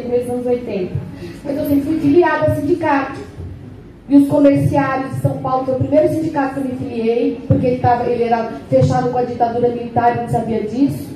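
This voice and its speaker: Emotional woman in her sixties, high voice. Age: 60s. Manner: emotional, candid, tearful at times. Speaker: union founder speaking at a meeting. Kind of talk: emotional personal testimony. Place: meeting hall. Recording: echoey hall, voice from far off, noisy.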